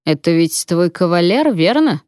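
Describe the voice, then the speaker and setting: A woman's voice: lowish voice, very animated, moderate pace, darkish tone, dry recording, clean studio sound. A woman voicing a menacing, short-tempered male gang boss who barks and mocks in an audiobook. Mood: mocking. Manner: barking, mocking. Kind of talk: audiobook character reading.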